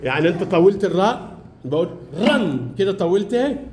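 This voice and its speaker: Very high-voiced male teacher. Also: big pitch swings, darkish tone, a little hiss or hum. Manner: brisk questioning, calls pupils by name and repeats their answers. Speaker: primary school teacher. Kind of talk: classroom lesson. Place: school classroom.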